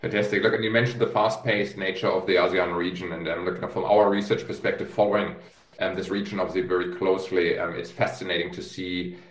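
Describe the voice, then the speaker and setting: Long, rambling questions full of fillers and restarts come from this man hosting a business interview, who heads a research firm. He speaks a little fast in a low-pitched voice with fairly even intonation, and the room is echoey.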